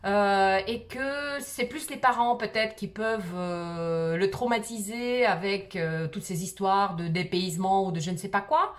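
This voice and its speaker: A woman's voice: mid-range voice, unhurried, few pauses. Hesitant woman with faint Russian accent. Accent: slight Russian. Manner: hesitant, frequent "euh" fillers. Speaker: vlogger. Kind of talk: casual personal storytelling.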